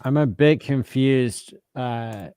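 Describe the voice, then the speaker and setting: Smooth, dry-voiced male stream host. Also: medium pitch, slow pace, no room sound. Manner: relaxed, with many fillers, thanking viewers. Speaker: livestream host. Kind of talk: casual livestream chat.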